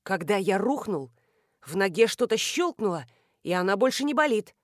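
A woman's voice: mid-range voice, big pitch swings, moderate pace, no echo, studio quality, natural voice. A woman reading the lines of a flustered middle-aged male professor with a hurt leg, in a mild, matter-of-fact way, for an audiobook.

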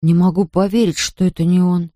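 A woman's voice: on the low side, steady tone, mellow, dry recording, clean studio sound, natural voice. A woman voicing a puzzled, hesitant boy in a storybook reading. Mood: unsure. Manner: uncertain, slow.

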